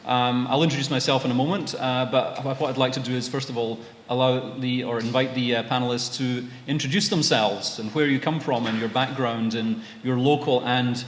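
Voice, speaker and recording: A man's voice: medium pitch, steady tone, a little fast, few pauses, slight background noise. A man moderating a convention panel, polite and hesitant, with many fillers. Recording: echoey reverberant hall.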